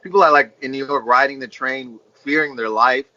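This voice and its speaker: A man's voice: medium pitch, fairly quick, sharp tone, dry recording, dull audio. A man comedian teasing a friend in rambling comedic banter over a video call, packing his talk with "like". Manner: rambling, teasing, heavy use of filler "like". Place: indoor room at home.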